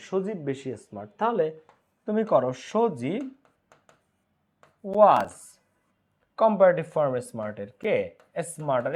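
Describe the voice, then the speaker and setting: A man teaching English grammar in an online class, repeating words slowly and checking in with his students. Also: high-pitched.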